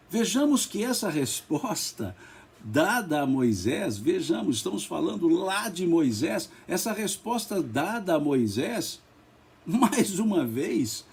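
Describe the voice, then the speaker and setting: A man with a Brazilian Portuguese accent leading a spiritist study, slow and emphatic, spelling out letters and repeating words. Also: high-pitched, gravelly, darkish tone, slightly rough. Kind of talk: religious study talk.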